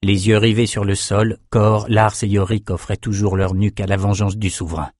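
Low-voiced male fantasy narrator. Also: level tone, normal speed, darkish tone, no room sound, studio quality. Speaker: audiobook narrator.

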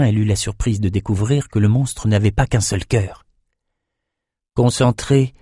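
Low-voiced male audiobook narrator. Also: slightly rough, no room sound, studio quality. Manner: measured, steady storytelling. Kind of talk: scripted fantasy narration.

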